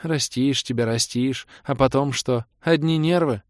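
A man's voice: medium pitch, dry recording, studio quality, voice pushed up, natural voice. A man voicing a worried middle-aged mother who nags and fires off anxious questions. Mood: fretful. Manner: anxious, nagging, rapid questions.

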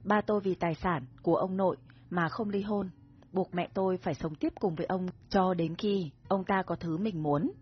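A woman voicing a domineering but tender young man in a romance story, speaking softly and gently with a husky voice, over soft music. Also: fairly low pitch, moderate pace. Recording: dull recording with soft music.

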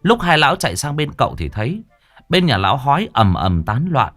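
A man narrating a comic folk tale in a lively, animated storytelling manner. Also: mid-range voice, brisk, faint music behind.

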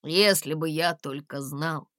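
A woman's voice: low voice, takes it slowly, fairly bright tone, no echo, studio quality, voice pushed down. Woman playing a grumbling sulky cat.

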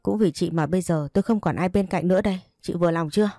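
A woman's voice: lowish voice, fast talker, warm tone, no room sound, clean studio sound, natural voice. A woman reading a story voices a sick ex-husband who angrily reproaches his sister. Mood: angry. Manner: angry, reproachful. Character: sick, frustrated ex-husband lashing out.

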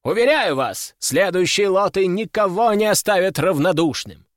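A man doing a loud, showy auctioneer. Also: high-pitched, lively intonation, moderate pace, no echo, studio quality, voice pushed up. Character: smug loud-voiced male auctioneer.

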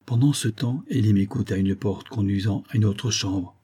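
A man narrating a classic novel as an audiobook reader, with a steady, measured storytelling delivery. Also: on the low side, breathy edge.

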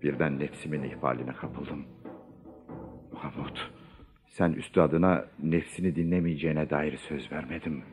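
Very deep-voiced humble disciple. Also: male voice, unhurried, darkish tone, faint music behind. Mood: anguished, self-reproaching. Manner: earnest, self-reproaching. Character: humbled former judge, devout obedient disciple. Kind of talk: radio drama acting.

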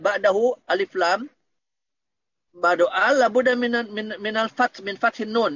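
A man's voice: high-pitched, fairly bright tone, muffled recording. A man teaching Arabic grammar in an online lesson, patiently explaining and checking that students understand.

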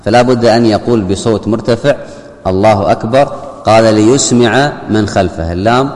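A man's voice: lowish voice, fairly quick, a little mellow. A man giving a religious jurisprudence lesson, often posing rhetorical questions to his listeners. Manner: asks the audience rhetorical questions. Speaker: Islamic jurisprudence teacher. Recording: long hall reverb.

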